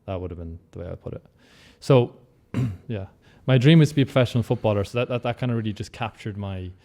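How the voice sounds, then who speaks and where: Low-voiced west of Ireland man, chatting. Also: fast talker, warm tone. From Galway, west of Ireland. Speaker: interview guest. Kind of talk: casual conversational interview.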